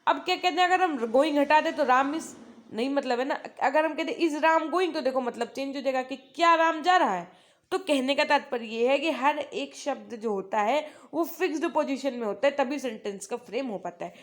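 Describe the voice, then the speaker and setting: A woman teacher with an Indian accent giving an online lecture, explaining in Hindi and reading English passages slowly. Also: high-pitched.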